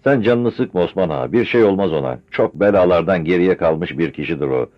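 A steadfast bearded village teacher, firm and reassuring, speaking in a deep, even voice, as a male narrator plays him. The audiobook recording sounds dull and lo-fi. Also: a little fast.

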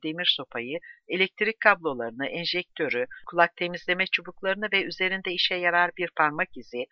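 A man narrating a true crime story with a measured, steady delivery. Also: fairly high pitch, dry recording. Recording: dull dry close recording.

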